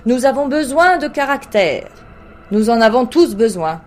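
Woman playing a loud, bullying tyrant king. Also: fairly high pitch, sing-song, a little slow, voice pushed up. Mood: mocking. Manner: loud, bullying, mocking laughter. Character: cruel, boisterous fat old king.

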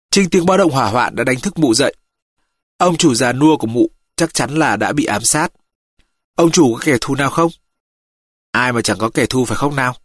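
A calm, methodical detective lays out his findings in a measured way, read by a man in his own voice. The storybook reading has a mid-range voice. The sound is dry and close. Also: medium pitch, no echo, close to an everyday voice. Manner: steady, measured reporting. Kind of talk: audiobook reading.

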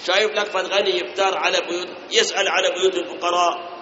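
A man with an Iraqi Arabic accent delivers a sermon in a high, bright, forceful voice, questioning his congregation and drawing out chanted verses. The sound rings with long hall reverb and is dull and lo-fi, with a faint hiss underneath. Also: level tone. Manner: asks rhetorical questions and addresses listeners directly; chants scripture verses slowly. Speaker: preacher.

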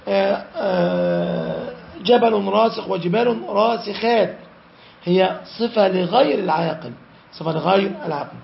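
A man's voice: sits high, unhurried, crowd noise. A man teaching an Arabic grammar lesson, repeating key phrases and asking and answering his own questions. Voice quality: gravelly. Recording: dull lo-fi recording.

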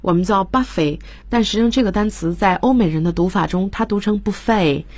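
A woman's voice: medium pitch, a little fast, a little mellow, no echo. A woman teaching English words on a radio lesson, explaining each word and spelling it out letter by letter. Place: radio studio.

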